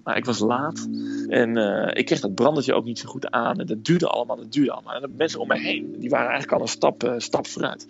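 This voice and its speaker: A man telling a personal story in a casual, hesitant way, filling pauses with "eh". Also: medium pitch, gravelly, muffled recording, music in the background. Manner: hesitant storytelling, frequent "eh" fillers.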